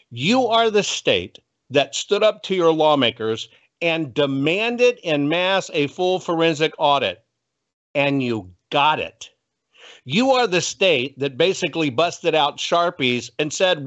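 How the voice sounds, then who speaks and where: A man's voice: fairly high pitch, fairly bright tone. An American man speaking as an activist guest, delivering motivational political commentary in a punchy, folksy, preachy way. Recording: dull, muffled lo-fi audio.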